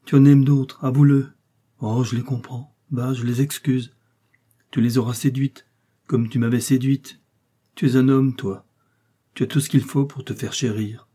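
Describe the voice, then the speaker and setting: A man's voice: mid-range voice, moderate pace, dark tone, breathy edge, voice pushed up, lightly acted. A man voicing a passionate young woman who pleads and then turns bitter, in an audiobook reading. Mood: pleading. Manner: emotional, pleading, rising and reproachful.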